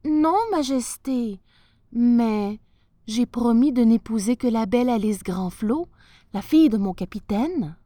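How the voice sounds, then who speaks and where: A woman's voice: fairly high pitch, measured pace, warm tone, no room sound, studio quality, natural voice. A woman playing a sincere young man. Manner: respectful, sincere. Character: earnest young man, a cat's loyal owner.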